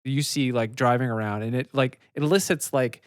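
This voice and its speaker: A man's voice: medium pitch, fairly quick, clean tone, no room sound, studio quality. A man hosting a casual podcast, asking loose, meandering questions. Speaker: podcast host. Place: podcast studio.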